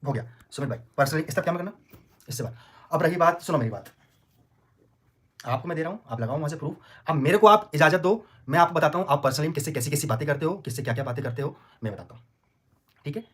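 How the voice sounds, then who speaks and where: Worked up guy yelling on a live stream, high-pitched and talking fast, keeps repeating stuff. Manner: agitated, repeats himself, pleading then threatening. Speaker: vlogger on a livestream. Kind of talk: heated livestream argument.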